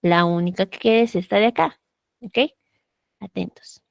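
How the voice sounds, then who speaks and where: A woman's voice: medium pitch, normal speed, creaky, no echo, muffled recording. A woman teaching an English grammar class online in Peruvian Spanish, patiently checking understanding with frequent tag questions. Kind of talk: online class over video call. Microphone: computer mic on a video call.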